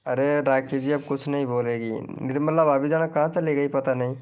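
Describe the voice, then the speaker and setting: A man's voice: mid-range voice, level tone, darkish tone, smooth, highs cut off. A man hosting a live stream in casual chat, teasing viewers and reading their comments aloud. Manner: slow, teasing, chatty banter with viewers.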